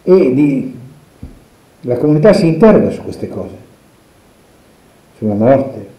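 A man reading the Gospel and preaching a homily in a measured, reflective way, pausing and restarting as he thinks. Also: mid-range voice, very animated, warm tone. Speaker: priest. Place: church. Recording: echoey, dull church recording.

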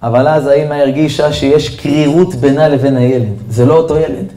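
A man, a rabbi, giving a storytelling sermon in an animated way and speaking straight to his listeners. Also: fairly high pitch. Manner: animated storyteller who addresses listeners directly. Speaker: rabbi giving a Torah lesson.

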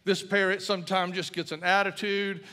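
A man's voice: high voice, flat delivery, moderate pace, pushed and bright, long reverb tail, pitched above the performer's own voice. A man voicing an apologetic male pet-store owner, told as a joke inside a sermon. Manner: soothing, apologetic.

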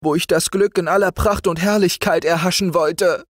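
A man's voice: sits high, steady tone, moderate pace, dry recording, studio quality, pitched above the performer's own voice. A man voicing a young sailor desperately pleading his innocence in a told story. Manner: pleading, anguished.

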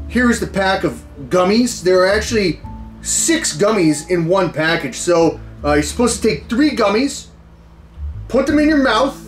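An American man in his thirties hosting a food challenge to camera, talking casually and haltingly with mock-serious bravado. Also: high voice. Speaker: food challenge video host. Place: small indoor room full of memorabilia.

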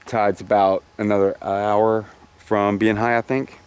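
A man in his forties talking casually to his camera outdoors on a beach by open water, telling his day in a halting, rambling way with many restarts. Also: fairly low pitch, flat delivery, clear, resonant tone. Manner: rambling, halting, with frequent restarts and small laughs. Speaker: kayak travel vlogger. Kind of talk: casual outdoor video diary. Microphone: handheld camera or lapel, close framing.

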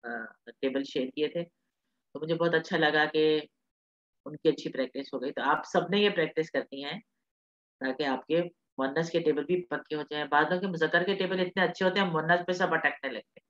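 A woman's voice: low-pitched, steady tone, a bit bright, lo-fi sound. A woman teaching an online class, patient and reassuring, mixing in English terms.

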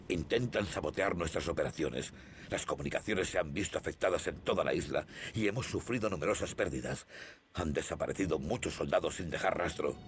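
A man voicing a deep-voiced soldier on the radio. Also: close to an everyday voice. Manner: formal, clipped military report. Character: grim male soldier giving radio report. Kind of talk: video game dialogue. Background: game music.

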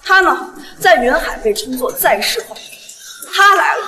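A haughty middle-aged doctor. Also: female voice, extremely high pitch, big pitch swings, normal speed, pushed and bright, full character voice. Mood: dismissive. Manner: haughty, scolding. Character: proud woman doctor, middle-aged, scornful. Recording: echoey hall with murmuring crowd.

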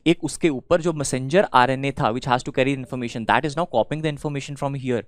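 A man's voice: mid-range voice, rapid-fire, dry recording. A young man with a North Indian accent giving a classroom lecture as a teacher, mixing Hindi and English, explaining with rhetorical questions and frequent check-ins. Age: young adult. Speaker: teacher at an exam coaching institute. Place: indoor studio in front of a presentation board.

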